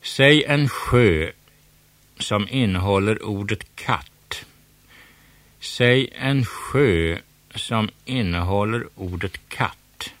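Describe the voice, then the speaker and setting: Storybook villain: a pompous, snappish male cat hosting a quiz, put on by a male narrator, pitched up and loud. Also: lively intonation, dry recording. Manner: loud showy announcing, snapping when crossed.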